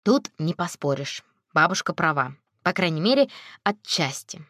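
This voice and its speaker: A woman's voice: on the low side, big pitch swings, normal speed, a bit bright, no room sound, studio quality. A woman narrating a first-person audiobook in a wry, conversational manner.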